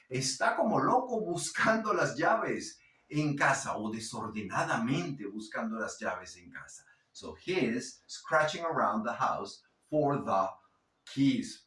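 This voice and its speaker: A man teaching English pronunciation in a lesson, drawing out example sentences slowly between explanations. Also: fairly high pitch, bright, forceful tone, echoey room, distant mic. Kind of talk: language lesson.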